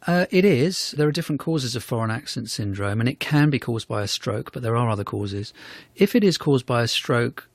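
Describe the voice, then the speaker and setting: Measured man explaining, dry studio sound. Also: medium pitch, vocal fry, dry recording. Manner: measured, thoughtful, fond of hedges such as "sort of". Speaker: neurology professor. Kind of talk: explaining in a radio interview.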